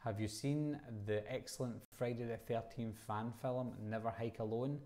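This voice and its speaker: A Scottish man in his thirties with a Glasgow accent hosts a livestream, speaking at normal speed with a medium pitch, fairly even intonation and a dark tone. His style is conversational: he reads questions aloud, then responds.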